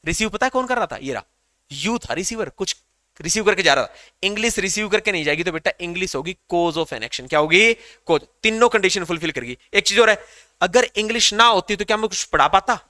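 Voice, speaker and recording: A man's voice: sits high, pushed and bright, dry recording, studio quality. A man teaching an English grammar class to students, asking questions and repeating the answers back.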